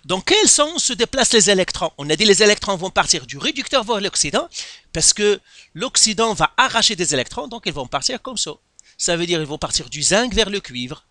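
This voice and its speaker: Brisk and very animated, a man teaches chemistry in Quebec French, solving an exercise stage by stage while asking himself numerous rhetorical questions. His voice sits high, bright and forceful, captured at studio quality with no echo.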